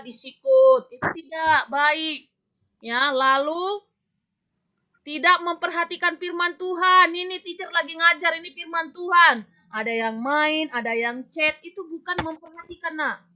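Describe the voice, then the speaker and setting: Woman teacher, high bright voice, lively scolding classroom manner, video-call sound. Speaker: religion teacher. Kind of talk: online class lesson.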